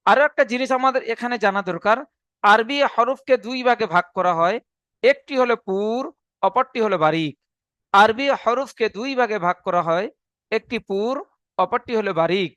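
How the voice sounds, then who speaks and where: A man's voice: high-pitched, fairly bright tone, clear, resonant tone, dry recording. Patient man teaching letter sounds. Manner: patient, repeats each point and letter twice. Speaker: Quran reading teacher. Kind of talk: online class instruction.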